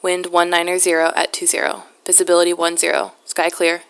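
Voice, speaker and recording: Recorded female airport weather broadcast voice, low-pitched, flat and clipped, reciting the report. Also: moderate pace, gravelly, clean tone. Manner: flat, clipped reading of numbers. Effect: airport weather broadcast played back.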